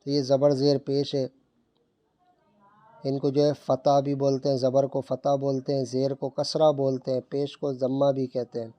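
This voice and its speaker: Man, reading teacher, slow spaced syllable drills, flat even tone, mellow, dry dull recording. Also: mid-range voice, no echo. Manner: slow drawn-out syllable drills between quicker explanations. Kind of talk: step-by-step recitation lesson.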